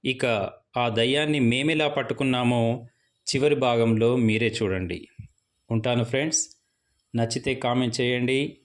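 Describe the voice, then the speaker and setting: A young man narrating a first-person ghost story in a steady, suspenseful storytelling manner. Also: mid-range voice, normal speed, pauses often.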